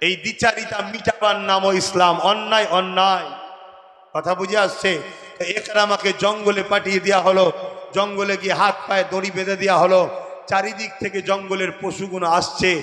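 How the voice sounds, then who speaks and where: A man's voice: sits high, flat delivery, a little fast, bright, forceful tone. A man with a West Bengal accent preaching an impassioned sermon to a gathering, rallying the crowd to answer him. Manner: fiery, rallying, calls on the crowd to respond. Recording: echoey long hall reverb, faint music.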